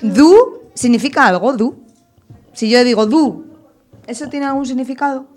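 A woman's voice: sits high, animated, moderate pace, darkish tone, soft background music. Patient teacher woman quizzing young kids. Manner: patient, questioning, repeats children's answers. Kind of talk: classroom lesson with young children.

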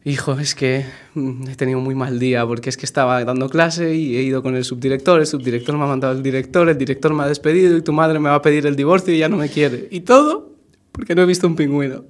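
A man's voice: medium pitch, fast, lightly acted. A man from Spain voicing a miserable fired male teacher who lists his woes in long run-on complaints. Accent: Spain Spanish.

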